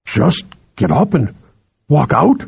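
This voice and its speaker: A man voicing a troubled dock worker who speaks slowly and haltingly with a husky tone, in a dull lo-fi recording. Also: a little high, huge pitch swings, no room sound, voice pushed up, exaggerated voice. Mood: hesitant. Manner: slow, hesitant, halting speech. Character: troubled middle-aged male dock worker.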